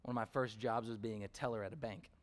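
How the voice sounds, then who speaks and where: A man's voice: lowish voice, fairly even intonation, quick pace. A man preaching a sermon, telling personal stories in a conversational way, with fillers and questions put to the congregation. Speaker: pastor.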